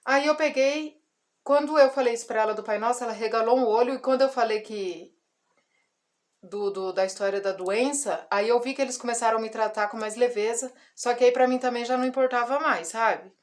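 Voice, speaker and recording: Woman in her forties, vlog testimony, somewhat high voice, emotional storytelling. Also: fairly quick. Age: 40s. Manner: emotional storytelling with quoted dialogue. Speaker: ministry vlogger. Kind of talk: personal testimony.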